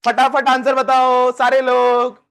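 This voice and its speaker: High-voiced Indian man teaching a class. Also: completely flat delivery, a bit bright, clean tone. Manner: coaxing, quizzes students with quick questions; dictates questions slowly, word by word. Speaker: physics teacher. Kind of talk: live classroom lecture.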